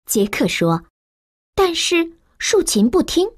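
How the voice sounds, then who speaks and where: A woman narrating a children's storybook slowly and expressively. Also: extremely high pitch. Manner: slow, expressive, lively storytelling.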